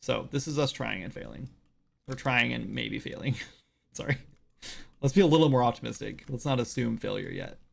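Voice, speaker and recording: This late-thirties man rambles casually while working on a game development livestream, putting himself down and using plenty of fillers. His voice is mid-range and gravelly, at normal speed.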